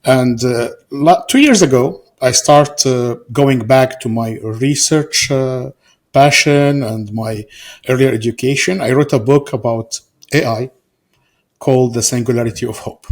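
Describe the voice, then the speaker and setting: A middle-aged man from Syria, a guest author answering interview questions in a halting way, with many fillers and restarts. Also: medium pitch.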